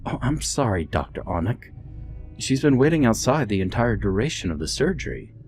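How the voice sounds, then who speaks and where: A man voicing a gentle, reassuring elderly woman nurse in a narrated horror story. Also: mid-range voice, very animated, normal speed, soft background music, voice pushed up. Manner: soft, soothing, motherly.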